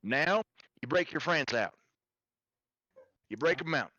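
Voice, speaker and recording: A man's voice: fairly high pitch, expressive, slow, highs cut off. A man voicing a foul-mouthed, sardonic guide in a tabletop game, blunt, knowing and taunting. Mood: urgent, commanding.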